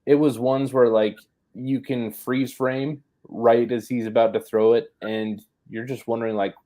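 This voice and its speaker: A man's voice: mid-range voice, flat delivery, a little slow, warm tone. A man co-hosting a casual postgame football podcast, talking it over in a thoughtful, hedging way with plenty of fillers. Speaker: sports podcast co-host.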